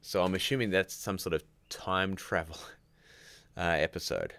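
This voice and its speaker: A man's voice: low-pitched, measured pace, vocal fry, a bit bright, dry recording. A man hosting a casual livestream, rambling and chatty in a groggy morning voice, talking from home. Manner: rambling, chatty, reads out viewer comments. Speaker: livestream host.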